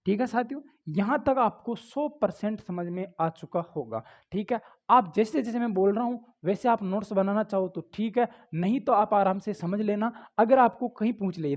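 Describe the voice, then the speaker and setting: A man's voice: sits high, a little mellow. A man teaching a Hindi grammar class for exam prep. He keeps asking his students questions and then answering them himself. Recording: dull lo-fi audio.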